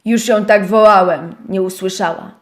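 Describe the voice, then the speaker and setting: A woman voicing a grumpy male teddy bear who believes he is a rat, gruff and sulky, in a children's audio story. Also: medium pitch, fairly even intonation, moderate pace, pitched below the performer's own voice, close to an everyday voice.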